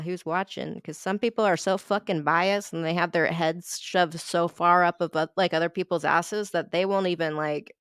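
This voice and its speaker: A woman's voice: fairly low pitch, a bit bright, clear, resonant tone, dry recording, clean studio sound. A woman in a casual voice chat, talking bluntly and confrontationally, swearing often. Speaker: voice chat participant.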